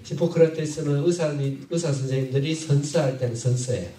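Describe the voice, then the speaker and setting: A man preaching a sermon as pastor, halting and repeating phrases, often asking his congregation questions. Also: on the high side, very noisy. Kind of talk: sermon with Bible reading. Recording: echoey hall from far off.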